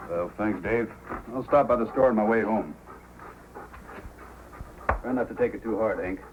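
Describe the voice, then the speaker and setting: A man's voice: fairly low pitch, background noise, close to an everyday voice. A man playing Sergeant Preston, muffled old-radio lawman. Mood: steady, calm. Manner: measured, matter-of-fact. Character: calm, cautious adult police sergeant of the North. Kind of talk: old-time radio drama acting.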